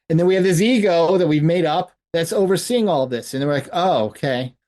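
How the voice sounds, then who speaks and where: A coach speaking as a podcast guest in a mellow, dark-toned voice. The delivery is emphatic, with short phrases repeated for effect and frequent laughter. The conversational style feels like explaining ideas to a client. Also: mid-range voice, normal speed.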